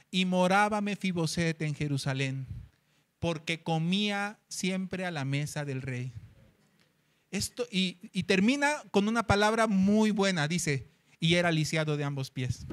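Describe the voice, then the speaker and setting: A man with a Mexican Spanish accent preaching a sermon, acting out dialogue with lively voices and sometimes singing a hymn. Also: high voice, measured pace. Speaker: pastor. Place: church meeting hall.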